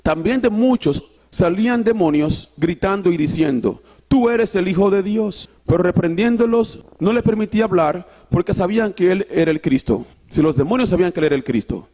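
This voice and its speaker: A man with a high voice preaches a sermon. He reads the scripture out loud, repeats words and corrects himself, and drops an occasional "so" between his Spanish sentences. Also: expressive, brisk. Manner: preaching with repetitions and self-corrections, reading scripture aloud. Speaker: pastor.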